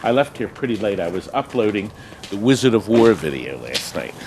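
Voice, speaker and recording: Chatty man with lively, swooping pitch. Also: fairly quick, slight background noise. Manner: chatty, rambling, jokey asides. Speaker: host giving a video tour of his arcade business. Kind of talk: casual walk-through vlog chat. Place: indoors in an arcade game warehouse.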